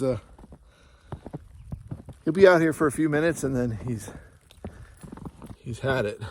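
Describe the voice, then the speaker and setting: A middle-aged man vlogs in a relaxed, chatty way while standing out in the snow by his trailer. His voice sits a little higher than most men's, and he's a bit out of breath from the cold, with a dog close by. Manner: chatty, talks to his dog between remarks. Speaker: RV vlogger. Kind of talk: casual vlog chat to camera. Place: outdoors in snowy mountains beside a travel trailer. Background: dog nearby.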